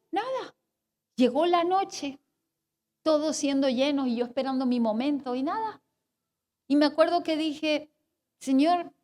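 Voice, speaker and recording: High-voiced woman pastor preaching. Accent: Spanish. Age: 40s. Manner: storytelling, animated, swings between hushed and emphatic. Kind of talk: sermon with personal testimony.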